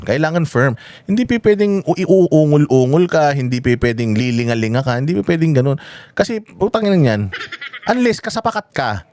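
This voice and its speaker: A man rants through a political commentary vlog, swearing, laughing between jabs and hammering rhetorical questions. His voice sits a little high. A faint hiss runs under it. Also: a little mellow. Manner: fiery, profane, rhetorical questions, laughs mid-rant. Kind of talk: heated casual commentary.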